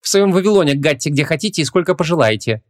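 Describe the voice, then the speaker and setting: A man's voice: fairly high pitch, animated, quick pace, dry recording, clean studio sound, voice pushed up, natural voice. A man doing a tart, impatient young woman.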